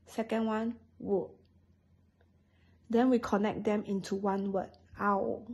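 A woman's voice: mid-range voice, little pitch movement, normal speed, dark tone, breathy edge, low-quality recording. A woman from Singapore with a Singaporean accent, patiently explaining English phrases and pronunciation step by step as a teacher.

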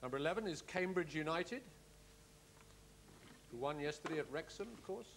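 A middle-aged man hosting a televised cup draw, speaking in a measured, courteous, official way. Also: fairly high pitch, lively intonation, noisy background. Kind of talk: formal live announcement. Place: studio-style hall set with audience.

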